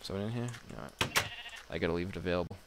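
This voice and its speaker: Gravelly deep-voiced man rambling through gameplay. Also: rapid-fire. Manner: rambling, self-deprecating, occasional swearing. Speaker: gamer. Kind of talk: casual gameplay commentary. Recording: noisy home mic recording.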